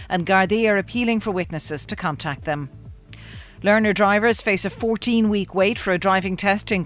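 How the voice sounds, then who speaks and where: An Irish woman presenting a local news podcast, reading the bulletin in a steady, clear way. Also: lowish voice.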